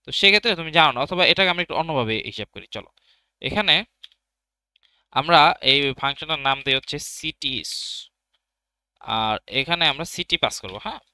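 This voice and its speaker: Bright, fast-talking man teaching code. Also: on the high side, animated, clear, resonant tone, no room sound. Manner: thinks aloud while typing, asks and answers his own questions. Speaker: programming teacher. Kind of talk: casual screen-recorded coding tutorial.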